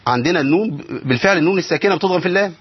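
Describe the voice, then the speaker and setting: A man with an Egyptian Arabic accent gives a quick tajweed lesson on the rules of Quran recitation, often posing questions to his students and answering them himself. His voice is somewhat husky and high-pitched with lively intonation. The recording is a little dull and lo-fi.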